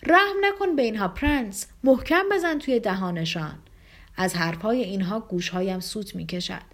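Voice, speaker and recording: A woman voicing an imperious, blunt older noblewoman in an audiobook, speaking in a sharp, commanding way. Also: a little high, voice pushed up.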